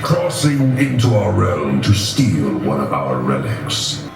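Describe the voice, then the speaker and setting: Menacing giant villain on stage, declaiming, big echo, far off with loud music. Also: male voice, low-pitched, sing-song, creaky, full character voice. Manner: slow, declamatory threats. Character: menacing, vengeful frost realm giant villain. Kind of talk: live theatrical show for children.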